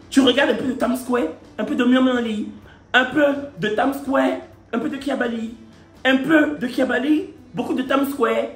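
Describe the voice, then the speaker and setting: A man telling a story in a playful, animated way and laughing often. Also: extremely high pitch, reverberant. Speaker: vlogger. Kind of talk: casual storytelling.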